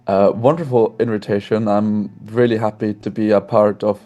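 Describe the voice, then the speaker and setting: A man in his twenties from Iceland, a podcast guest talking openly and warmly over a video call, often restarting his sentences. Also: on the low side, flat delivery, normal speed. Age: 20s. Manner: friendly, open, with frequent restarts. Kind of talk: casual conversational interview.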